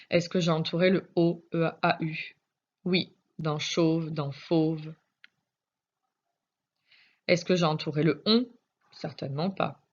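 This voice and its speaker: A woman teacher giving a recorded reading lesson to young children, carefully spelling out letters one by one. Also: lowish voice. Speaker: primary school teacher. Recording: dull lo-fi recording.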